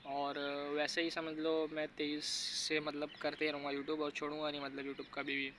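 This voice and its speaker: A man's voice: on the high side, monotone, normal speed, fairly bright tone, a little hiss or hum. A teenage boy talking casually in a vlog, thinking aloud and rambling with many fillers as he goes. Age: teens. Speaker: YouTuber.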